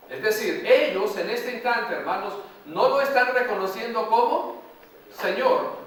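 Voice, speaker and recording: A male pastor from Mexico preaching a sermon slowly and emphatically, repeating phrases and putting questions to the congregation. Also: high voice, fairly bright tone. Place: large church hall. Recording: echoey hall, voice from far off.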